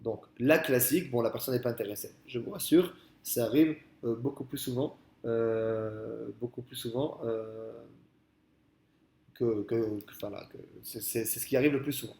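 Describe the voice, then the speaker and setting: A man talking through a software tutorial in a casual, explanatory way, with many fillers and restarts, speaking into a headset. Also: mid-range voice, normal speed, roomy sound. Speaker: software trainer. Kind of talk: screen-recorded software tutorial.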